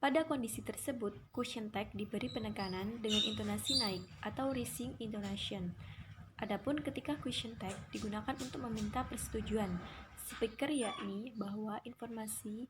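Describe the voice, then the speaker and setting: A woman's voice: a little high, moderate pace, heavy background noise. A woman continuing a class presentation, reading her text evenly. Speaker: student presenter.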